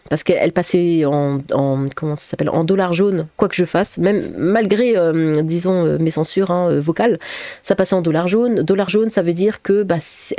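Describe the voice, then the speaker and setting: A woman's voice: on the low side, dark tone, dry recording, studio quality. A woman reading viewer comments aloud in a casual, hesitant way, with lots of fillers, restarts and an amused, sarcastic emphasis.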